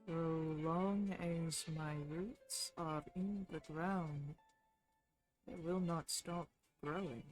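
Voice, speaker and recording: Woman doing an ancient calm tree, hushed, slow and low, puzzled questions, faint music behind. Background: faint background music.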